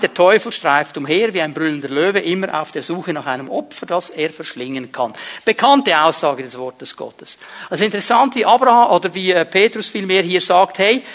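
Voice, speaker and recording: A middle-aged pastor delivers a sermon in a notably high, ringing voice. He presses his points with emphasis and keeps turning to the congregation with rhetorical questions. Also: a bit bright.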